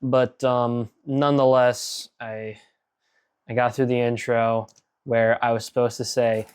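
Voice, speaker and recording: A man talking through his own old video in a slow, unhurried ramble, full of fillers. He picks at his past mistakes as he goes, with a voice of ordinary middle pitch. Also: flat delivery, a little mellow, clean tone. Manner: rambling and self-critical, many fillers. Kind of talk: casual director's commentary.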